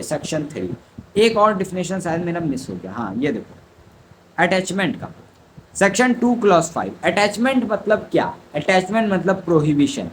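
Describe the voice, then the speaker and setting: A man's voice: on the high side, slight background noise, poor audio. A young man tutors exam students in law, explaining step by step and answering his own questions. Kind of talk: exam revision lecture.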